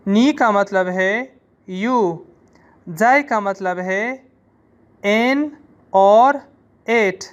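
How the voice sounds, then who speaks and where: A man, teaching a recorded language lesson. He speaks extremely slowly and deliberately, with a smooth, clean voice, and repeats every new word three times for his students. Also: high voice, fairly bright tone.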